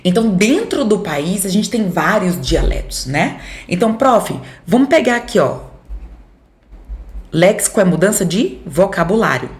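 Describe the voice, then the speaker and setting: A woman's voice: mid-range voice, big pitch swings, a little slow. A Brazilian woman teacher with a Center-West accent gives a recorded grammar lesson, explaining step by step, checking in with her students and voicing their imagined questions. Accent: Brazilian Portuguese, Center-West. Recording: echoey room.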